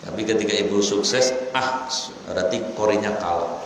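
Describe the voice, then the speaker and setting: A man preaching to a women's study group, telling stories in a lively, joking way with a lilt. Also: on the low side, moderate pace, slight background noise. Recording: echoey hall with long reverb.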